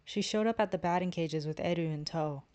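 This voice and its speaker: A woman's voice: on the low side, brisk, a little mellow, clear, resonant tone. A woman streamer reading a visual novel aloud, narration and the player's lines, stumbling at times.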